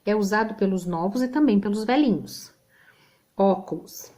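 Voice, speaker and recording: A woman's voice: mid-range voice, animated, normal speed, dark tone. A woman with a Brazilian Portuguese accent teaching a remote spelling lesson, patient, checking in with the class often.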